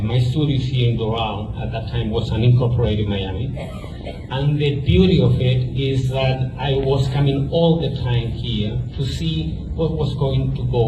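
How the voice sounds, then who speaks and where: A man in his fifties from Chile, with a Chilean Spanish accent, giving an earnest, halting speech with frequent restarts to an audience at a book presentation. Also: mid-range voice, background noise. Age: 50s. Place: historic mansion event space. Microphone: handheld microphone. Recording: distant, echoey, dull sound with loud music.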